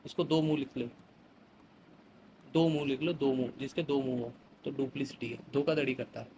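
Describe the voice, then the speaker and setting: A man's voice: medium pitch, steady tone, a little fast, dark tone, a little hiss or hum, rough recording. A man teaching an exam vocabulary lesson in a chatty way, explaining with everyday examples and reading phrases. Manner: chatty, explains with everyday examples, mixes English words into Hindi.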